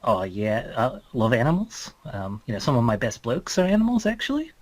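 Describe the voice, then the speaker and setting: A man acts out an amiable animal-loving druid for a tabletop game. His rides on a lively, swinging pitch. He talks in a halting, colloquial, easygoing way, recorded dry. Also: no room sound. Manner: laid-back, halting, colloquial. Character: Marcus, easygoing, friendly male druid fond of animals. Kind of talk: improvised tabletop role-play.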